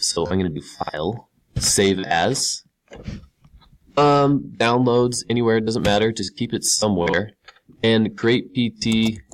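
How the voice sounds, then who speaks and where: There's slight background noise as a male computer science teacher with a fairly low voice works through a screen-recorded tutorial. Clicking through each step, he speaks casually and repeats key words to make them stick.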